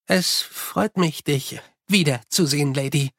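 A man voicing an eerily calm, precise young male clockmaker who speaks slowly and evenly. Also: a little high, no room sound, studio quality.

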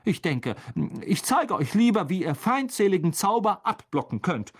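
A man's voice: high-pitched, sing-song, normal speed, voice pushed up. A man voicing a vain, flustered male wizard teacher who talks in a showy, eager, fussy way. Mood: bustling.

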